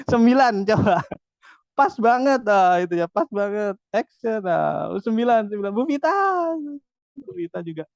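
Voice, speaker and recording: A man giving a motivational talk to an online audience, energetic and repetitive, constantly turning to his listeners. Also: sits high, no room sound. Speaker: motivational speaker. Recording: dull, dry lo-fi audio.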